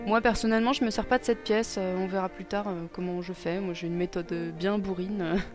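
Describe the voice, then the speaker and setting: A young woman casually explaining a costume sewing project, hesitant and self-deprecating with many pauses and fillers. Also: medium pitch, steady tone, a little mellow. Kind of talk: casual tutorial narration. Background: music.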